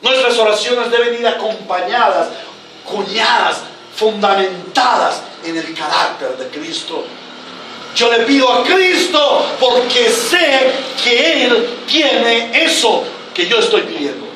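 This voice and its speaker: Slow, high-voiced preacher in an echoey church. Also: male voice, expressive, background noise. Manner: slow emphatic preaching, rising to shouts on key words. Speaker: pastor. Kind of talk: sermon. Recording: echoey church hall, mic at a distance.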